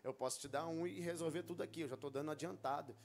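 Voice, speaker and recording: A man preaching a sermon as pastor, telling a personal story and rising into loud, fervent exhortation. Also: on the high side, quick pace, background noise.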